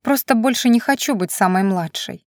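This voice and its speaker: A woman's voice: a little high, moderate pace, no room sound, clean studio sound, close to an everyday voice. A woman voicing a tearful, pouting little girl. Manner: sniffling, pouting.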